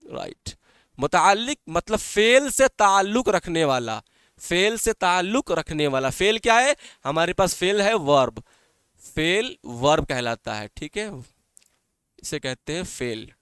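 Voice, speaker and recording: A man's voice: high-pitched, big pitch swings, measured pace, fairly bright tone, clean tone, no room sound, clean studio sound. A male teacher giving an online class, explaining in Hindi-Urdu, often repeating points and asking his students questions. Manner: calls students "beta". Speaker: English teacher.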